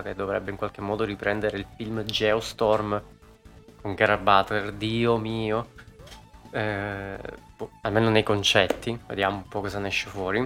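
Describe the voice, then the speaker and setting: Male host, lively off-the-cuff stream chat, salty language, music low underneath. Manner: animated, swears freely, frequent fillers. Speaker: talk show host. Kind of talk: casual live-stream chat.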